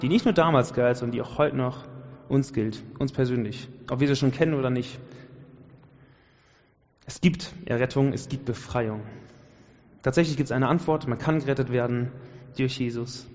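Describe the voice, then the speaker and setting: A man delivering a sermon in a casual, fervent way, pushing his points with rising emphasis. His voice carries a long reverb from a large hall, and the sound is a little muffled. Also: mid-range voice. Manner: passionate, colloquial preaching with rising emphasis. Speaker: preacher.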